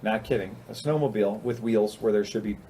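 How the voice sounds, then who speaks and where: A man's voice: lowish voice, brisk, noisy background. A man hosting a casual group chat, telling stories with crude humor and frequent laughter. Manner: animated storyteller, laughs often, crude humor. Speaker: podcast host.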